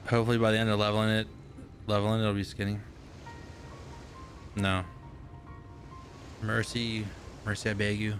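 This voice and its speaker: A man in his thirties talks casually over a live game stream in a slightly low voice. He rambles and jokes freely, with some swearing, and soft music plays underneath. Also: little pitch movement, normal speed, pauses often. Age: 30s. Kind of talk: casual live gameplay chat.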